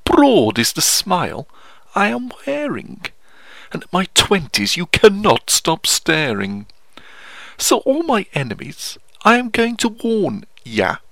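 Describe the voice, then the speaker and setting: A man's voice: huge pitch swings, takes it slowly, vocal fry, fairly bright tone, no echo, full character voice. A man putting on a posh, theatrical voice to recite comic verse as a pompous male poet. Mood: grandiose. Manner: plummy, sing-song, exaggerated swoops in pitch.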